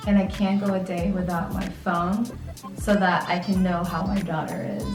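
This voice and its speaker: A woman in her twenties co-hosts a vlog, answering questions in a rambling casual chat full of "like" and restarts. Her lowish, slightly mellow voice has little pitch movement and a normal speed, picked up by a distant mic in a roomy space with music behind.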